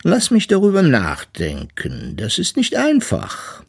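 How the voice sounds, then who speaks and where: A man's voice: fairly high pitch, huge pitch swings, slow pace, breathy edge, voice pushed up, heavily acted. A man voicing a greedy, pompous old male walrus in a storybook reading, with a haughty, haggling drawl. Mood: scheming. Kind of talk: audiobook character voice.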